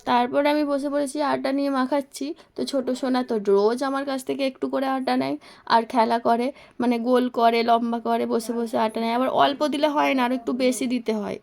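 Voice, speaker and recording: A woman's voice: on the high side, vocal fry, darkish tone. A young woman, casually narrating her day of household chores as a mother, recorded on a phone. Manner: chatty, homely narration of daily chores. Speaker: vlogger, mother.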